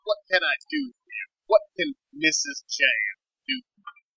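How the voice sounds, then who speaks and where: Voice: medium pitch, big pitch swings, a little slow, slightly rough, dry recording, highs cut off, pitched above the performer's own voice, exaggerated voice. An intense brash female gear dealer. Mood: brassy. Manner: bossy, calls people child, shouts at kid.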